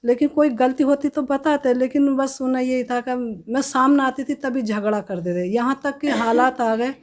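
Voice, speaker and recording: A woman telling her own life story as a testimony in an interview, in a plain, halting way with many restarts. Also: high-pitched. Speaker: testimony giver.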